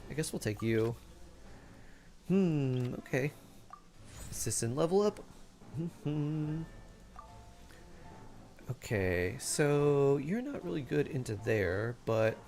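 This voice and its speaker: Guy streaming a game, slow easy pace, super bouncy pitch, chats to viewers, silly doo-doo type noises. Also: creaky, darkish tone. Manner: playful, sing-song filler sounds and vocal sound effects; thinks aloud. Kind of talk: casual live game stream commentary, chatting with viewers.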